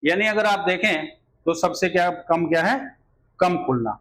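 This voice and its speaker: Male grammar teacher, high-pitched, exam-prep lesson, repetitive rhetorical style. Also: animated, normal speed, fairly bright tone, rough recording. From India. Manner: repetitive filler phrases, rhetorical questions to students.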